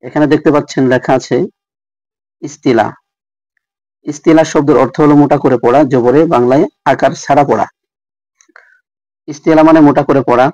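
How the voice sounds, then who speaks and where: A man teaching Quran recitation rules, repeating each letter sound slowly and speaking directly to viewers. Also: mid-range voice, steady tone, darkish tone, dry recording, highs cut off. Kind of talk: tajweed lesson.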